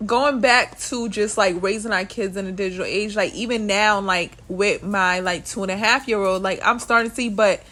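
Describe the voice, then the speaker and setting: A woman's voice: mid-range voice, moderate pace, few pauses, sharp tone. A woman in her thirties, a podcast co-host, chatting casually with lots of "like" fillers. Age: 30s. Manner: chatty, meandering, many fillers. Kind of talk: casual chat.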